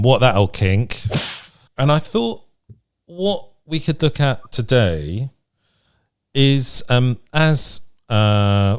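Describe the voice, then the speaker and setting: A podcast co-host with a medium-pitched, clean-toned voice chats casually and frankly in a matter-of-fact way. The podcast was recorded remotely.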